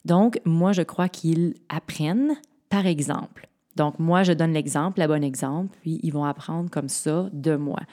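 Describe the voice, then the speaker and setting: A Québécois woman with a notably low, dark voice chats casually as a co-host, sharing stories from her own family life. She talks with frequent fillers and small pauses as she works out her thoughts. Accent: Québécois French. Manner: shares personal family anecdotes with many fillers. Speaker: podcast co-host and mother. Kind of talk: casual chat.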